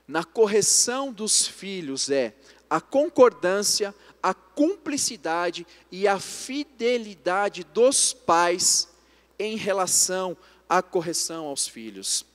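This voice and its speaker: A man's voice: sits high, sing-song, slow pace. A young man preaching in Brazilian Portuguese, telling family stories to the congregation. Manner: storytelling, addresses congregation as brothers. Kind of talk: sermon. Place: church. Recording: long church reverb.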